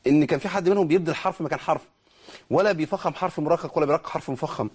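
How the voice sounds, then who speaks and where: Brisk Egyptian man teaching Quran recitation. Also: fairly high pitch, darkish tone, slightly rough. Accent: Egyptian Arabic. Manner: brisk explaining, slowing to model drawn-out words. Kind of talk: tajweed lesson, explaining and demonstrating.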